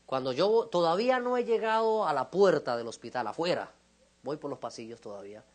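A man with a fairly high voice preaches a sermon to his congregation. He tells stories with lively acted-out voices, and at the peaks he breaks into shouts. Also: a little fast. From Latin America. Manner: animated storytelling, acting out voices and shouting at peaks. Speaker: pastor.

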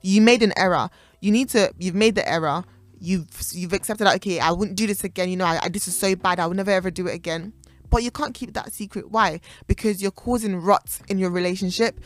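Animated woman in her twenties chatting. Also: mid-range voice, fast talker, no echo. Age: 20s. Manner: animated, laughs loudly, emphatic. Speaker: podcast co-host. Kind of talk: casual chat.

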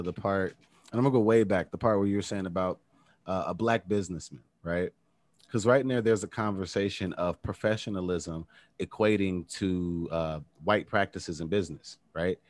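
A man's voice: low-pitched, normal speed, dry recording. A man hosting a podcast, chatting casually and giving his guest encouraging feedback. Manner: encouraging, affirming responses. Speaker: podcast host. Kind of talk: casual interview chat.

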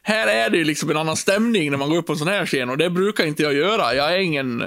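Gravelly, fairly high-voiced man chatting. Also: no room sound, studio quality. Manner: animated storyteller, swears freely. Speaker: podcast co-host. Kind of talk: casual chat.

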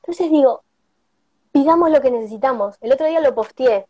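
A middle-aged woman with an Argentine Rioplatense Spanish accent, appearing as a guest speaker at a prosperity workshop, gives an earnest motivational talk on a live stream, weaving in personal stories and tag questions. Her voice is high-pitched and mellow with lively intonation, and she speaks a little fast. The dry recording has dull lo-fi stream audio.

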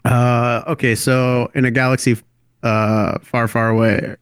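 Deadpan hesitant man on a dry mic. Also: mid-range voice, measured pace, clear, resonant tone, dry recording. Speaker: podcast co-host playing a robot bit. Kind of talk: casual podcast banter.

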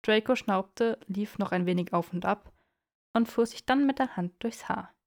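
A woman narrating a fan fiction audiobook, steady and expressive. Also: medium pitch, moderate pace.

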